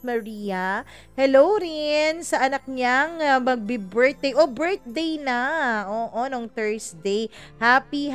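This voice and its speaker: A woman's voice: on the high side, smooth. A woman hosting a story podcast, chatting casually as she reads out listener greetings and teases with playful jokes. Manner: chatty, teasing, laughs at her own jokes. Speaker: podcast host reading listener shout-outs. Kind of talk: casual chat.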